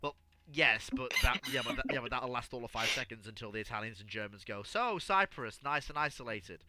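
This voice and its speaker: A man hosts a livestream, answering listener questions in a casual history discussion, frequently stammering and repeating words as he thinks aloud. His mid-range voice is expressive and brisk, and a crowd can be heard in the background.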